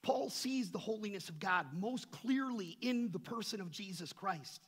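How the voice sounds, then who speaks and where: A man preaching a sermon as pastor, swinging from loud emphatic peaks to soft low asides and asking the congregation rhetorical questions. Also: expressive, moderate pace, slightly rough.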